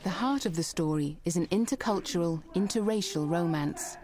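A woman reading scripted documentary narration in a measured, even way. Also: lowish voice. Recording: music clearly under voice-over.

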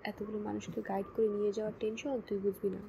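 A woman voicing a bossy young man who leads a group trip, barking and scolding in a gruff, loud manner. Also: medium pitch, level tone, fast, slight background noise, lightly acted. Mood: softened.

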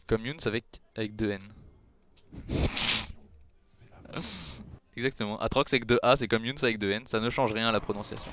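A man's voice: fairly low pitch, fairly even intonation, moderate pace, pauses often, a bit bright, a little hiss or hum. A young man, chatting casually with his viewers while playing and teasing them back. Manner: chatty, teasing, answering chat. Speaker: streamer. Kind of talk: casual gameplay commentary with chat.

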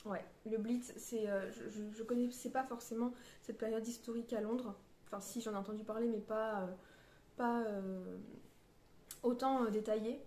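A woman's voice: fairly high pitch, fairly even intonation, normal speed, mellow, echoey room, a little hiss or hum. Hesitant French-speaking woman reviewing a book. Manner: hesitant, searching for words with many fillers. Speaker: book vlogger. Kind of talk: casual book review vlog. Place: on a beach.

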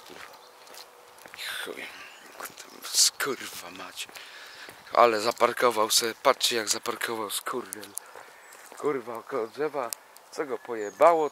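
A man's voice: mid-range voice, sharp tone. A young man walking through a housing estate, filming himself on a handheld camera and grumbling with constant swearing. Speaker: vlogger. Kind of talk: rambling walking vlog monologue. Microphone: handheld camera while walking. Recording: faint outdoor noise. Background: outdoor ambience, a dog nearby.

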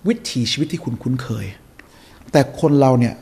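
A podcast guest, this man delivers forceful, sermonizing motivational advice and repeats his main points over and over. He speaks fairly quickly in a mid-range voice with a darkish, husky tone.

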